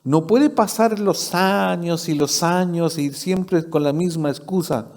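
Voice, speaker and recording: A male pastor with a Chilean accent preaches a sermon in a church service, talking with his listeners rather than at them. His voice sits a little high for a man yet sounds mellow and soft-edged. He keeps turning to the congregation with direct questions. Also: slow. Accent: Chilean Spanish.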